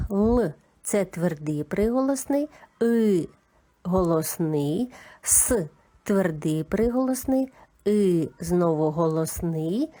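A woman giving a calm, methodical lesson for young children, naming each sound of a word one by one. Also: mid-range voice. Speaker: teacher. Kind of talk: slow, patient children's literacy lesson.

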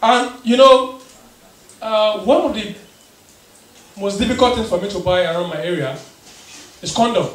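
Young man, Ghanaian English accent, stand-up comedy, high voice, echoey room, heard from a distance. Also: moderate pace, pauses often, fairly bright tone. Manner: storytelling, acts out the people in his stories, mixes in pidgin. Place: live venue with an audience.

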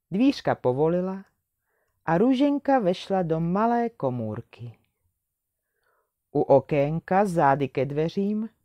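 A woman reading a fairy tale aloud in an expressive storybook manner. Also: low-pitched, no echo, clean studio sound.

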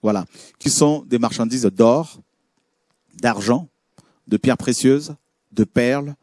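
A man's voice: mid-range voice, slow, a little mellow, no echo, clean studio sound. A man preaching a sermon, reading scripture aloud and commenting on images, with frequent fillers and restarts. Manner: hesitant, many fillers and restarts.

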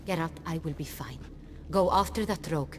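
A woman voicing a low-voiced commanding noblewoman. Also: normal speed, slight background noise, natural voice. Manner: formal, commanding speech. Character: regal noblewoman traveling incognito, commanding and urgent. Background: game music.

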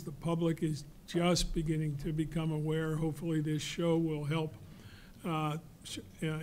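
An older man on a studio panel, explaining in a measured, halting way with many fillers. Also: fairly high pitch, a little mellow, a little hiss or hum. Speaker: cancer researcher on a panel. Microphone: desk mic.

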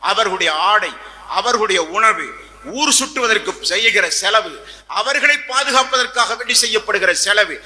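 A man's voice: high-pitched, normal speed, bright, forceful tone. A man preaching an Islamic sermon, emphatic, repeating phrases and asking rhetorical questions. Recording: long hall reverb.

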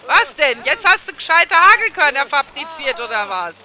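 A woman's voice: sits high, sing-song, normal speed, sharp tone. A woman giving casual gameplay commentary as a let's player, chatting to her viewers and laughing often.

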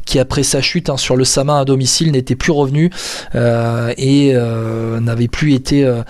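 A man's voice: medium pitch, fairly even intonation, moderate pace, a little mellow. A man hosting a podcast in casual chat, talking hesitantly with many fillers and restarts. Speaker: podcast host.

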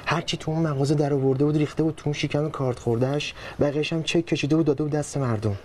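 A man's voice: a little high, steady tone, darkish tone, a little hiss or hum, natural voice. An actor playing a bitter, sarcastic young husband who argues with his in-laws in a TV drama. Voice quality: sarcastic, argumentative. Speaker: son-in-law living with in-laws. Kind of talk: TV drama acting.

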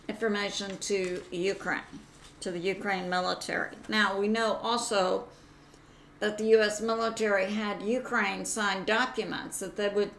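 A woman hosting her own channel, talking through news commentary on her own, pausing often with fillers and correcting herself as she goes. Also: medium pitch, gravelly, fairly bright tone. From United States. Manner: slow, halting, with many "uh" fillers and self-corrections. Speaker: channel host.

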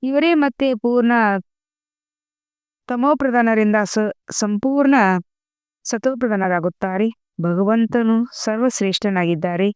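A woman reading a devotional spiritual discourse aloud in a slow, measured recitation with emphatic pauses. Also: a little high, darkish tone, smooth, dry recording, studio quality. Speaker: murli reader.

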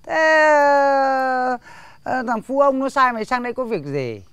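An actor playing a grumpy, stingy old village chief who scolds and grunts, speaking. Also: male voice, very high voice, lively intonation, measured pace, fairly bright tone, clear, resonant tone, no echo, heavily acted. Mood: gruff. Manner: bossy, scolding, full of grunts. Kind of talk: slapstick comedy film acting.

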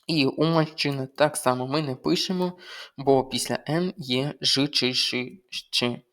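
A tutor teaching an exam-prep grammar lesson at an unhurried, measured pace. The voice sits at a middle pitch and pauses on each letter it spells out. Example words come one at a time, like a dictation. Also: a bit bright. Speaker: Ukrainian language tutor.

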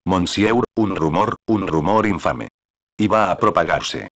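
A desperate, proud young queen defends her honor, pleading and indignant, in an audiobook. A man voices her, and his voice stays low and deep under the strain. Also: expressive, a little slow, a bit bright, no room sound, dull audio, heavily acted. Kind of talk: audiobook reading.

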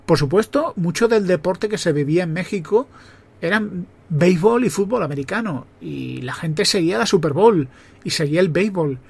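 A man from Spain with a Spain Spanish accent, hosting a podcast and telling personal stories from memory in a relaxed, conversational way, often correcting himself as he goes. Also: high voice, moderate pace, gravelly, breathy edge. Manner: reminiscing, conversational, with self-corrections. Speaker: podcast host. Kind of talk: personal storytelling monologue.

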